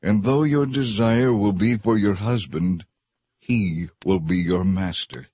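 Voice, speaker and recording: A man's voice: fairly low pitch, takes it slowly, darkish tone, husky. A man voicing a stern God handing down judgment in grave, solemn pronouncements. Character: stern almighty male God passing judgment. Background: background music.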